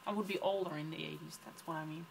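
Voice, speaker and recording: A young book vlogger from the Netherlands talks fast in a low-pitched, steady voice with vocal fry, over slight background noise. Her Dutch accent comes through as she casually answers tag questions with lots of ums and tangents.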